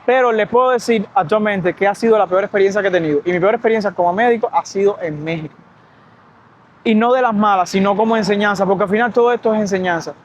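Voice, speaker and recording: Young Cuban man, quick storyteller on a walk outdoors, high voice, slightly dull audio. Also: a little hiss or hum. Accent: Cuban Spanish. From Cuba. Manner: fast, lively storytelling. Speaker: doctor and vlogger. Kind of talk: storytime vlog. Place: outdoors by a street, walking.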